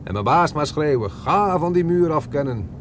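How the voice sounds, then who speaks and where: A man's voice: a little high, animated, normal speed, background noise, lightly acted. A man dubbing a cocky young chauffeur who lies freely, speaking with breezy, teasing banter. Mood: boastful. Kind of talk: dubbed film dialogue.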